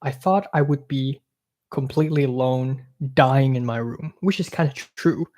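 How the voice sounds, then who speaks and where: This young man is from Hong Kong and speaks with an American accent, chatting loosely on a livestream and fielding viewer questions with frank, self-deprecating humor. His mid-range voice moves at a moderate pace and has a darkish tone.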